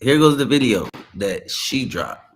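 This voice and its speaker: Hosting casual reaction commentary, a man from South Carolina, USA, speaks in loose slang and laughs readily. His mid-range voice is sing-song, and his pace is measured.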